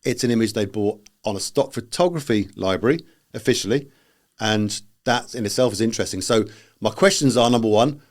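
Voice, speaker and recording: Brief: male British podcast co-host, low-pitched, rambling casual chat with many ums and restarts. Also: a little fast. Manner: rambling, full of fillers and restarts.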